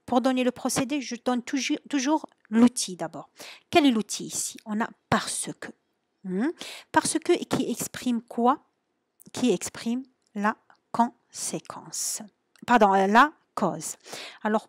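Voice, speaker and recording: In a dry recording, a woman from Algeria with a voice on the high side teaches French grammar. She puts questions to her students, then answers them herself, emphasizing the key words.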